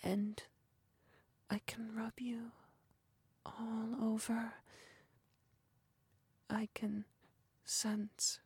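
A woman speaks almost entirely in a soft, unvoiced whisper, pressed close to the microphone. Her delivery is very slow and airy, with a level, barely moving melody. The sound is dry and near, with no room around it. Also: a little high, monotone, slightly rough, dry recording. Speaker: ASMR performer. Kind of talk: whispered intimate ASMR roleplay.

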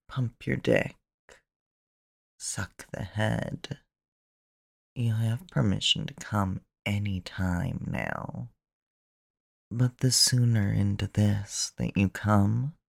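A man performing slow, intimate erotic roleplay in a soft, commanding manner that often drops to a whisper. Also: fairly low pitch, creaky, slightly rough, dry recording, studio quality.

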